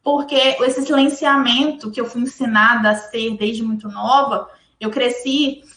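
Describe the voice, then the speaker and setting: A woman from in Brazil, speaking reflectively and in an even tone as a panelist in a live discussion. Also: fairly high pitch, a little slow, echoey room. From Espírito Santo, Brazil.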